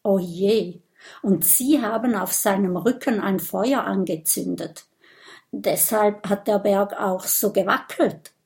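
A woman narrating a children's audiobook in a slow, clear storytelling manner. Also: medium pitch, darkish tone.

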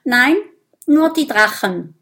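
A woman's voice: a little high, lively intonation, takes it slowly, a bit bright, voice pushed up, full character voice. Woman voicing an eager little vampire boy. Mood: earnest. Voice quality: raised, boyish voice. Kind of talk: audiobook character voice.

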